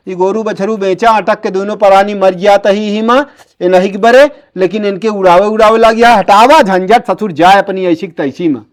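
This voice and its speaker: A man's voice: sits high, lightly acted. A man playing an exasperated village family man in a comedy sketch, scolding emphatically with an Awadhi accent.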